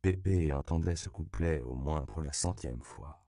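A man reading a novel aloud as a narrator, at a measured, even pace. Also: extremely low pitch, creaky, dry recording. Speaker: audiobook narrator. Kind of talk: scripted narration.

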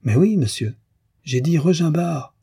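A man voicing an impatient young gentleman in a storybook reading, sharp and exasperated. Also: lowish voice, normal speed, breathy edge.

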